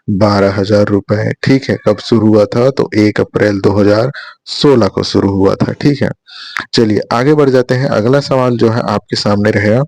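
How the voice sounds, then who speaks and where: Gravelly low-voiced man teaching exam prep. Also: a little mellow, no room sound. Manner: repetitive quizzing, rhetorical questions, frequent "thik hai".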